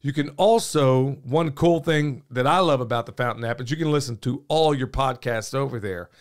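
Talking at a moderate pace in a mid-range voice, a podcast host sounds hoarse, like he's losing his voice. He rambles in a folksy, talkative manner with plenty of "y'all" and gestures, recording in a small indoor studio on a boom-arm mic with headphones.

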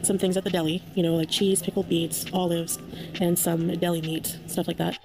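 A woman's voice: on the low side, flat delivery, normal speed. Chatty woman narrating a vlog over music. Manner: chatty, gushing and enthusiastic. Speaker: vlogger. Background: background music.

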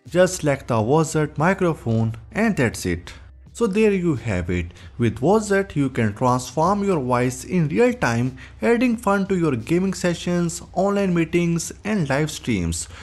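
A man hosts a tech tutorial, reading scripted voice-over narration in a voice-over recording with background music. His voice is on the high side and a little mellow.

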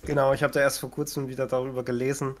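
Male podcast co-host, casual chat, teasing, mid pitch. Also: flat delivery, rapid-fire, crowd noise. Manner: chatty, laughs often, teasing.

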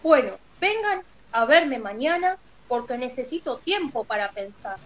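A woman's voice: sits high, big pitch swings, measured pace, a bit bright, full character voice, poor audio. A woman voicing a frightened old male humbug wizard who pleads nervously. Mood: timid.

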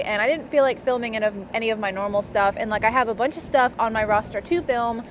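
A young woman chats casually to camera in a rambling, informal way, speaking into the mic on her earphones outdoors. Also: a little high. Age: young adult. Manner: informal, rambling, frequent "like" and "you know". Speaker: vlogger. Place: outdoors in an urban park. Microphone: earphone mic used as microphone. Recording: outdoor background noise, headphone mic.

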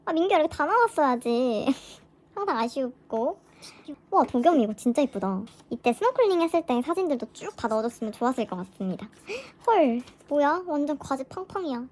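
A woman chatting casually through an unboxing vlog, gushing with excitement as a fan. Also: high voice, a little fast. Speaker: vlogger.

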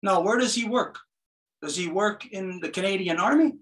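High-voiced man, heated and rambling. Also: moderate pace, far from the mic, rough recording. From Kahnawake. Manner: accusatory, rambling, with many fillers. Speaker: host of a community talk show. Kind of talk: livestreamed talk.

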